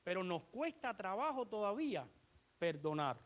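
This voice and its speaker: A preacher giving an animated sermon, retelling scripture with dramatic emphasis and asking the congregation rhetorical questions. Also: mid-range voice, normal speed.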